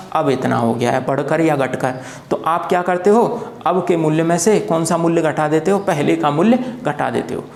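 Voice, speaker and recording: A man's voice: fairly high pitch, darkish tone. Patient man teaching at a board. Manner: asks rhetorical questions and answers them himself; repeats key points patiently. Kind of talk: classroom lecture at a board. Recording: echoey room.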